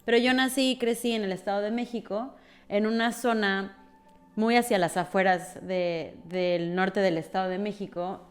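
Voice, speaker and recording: A woman's voice: mid-range voice, steady tone, moderate pace, faint music behind. A woman with a Mexican Spanish accent, a podcast guest who talks freely and thinks aloud with frequent fillers. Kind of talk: conversational interview.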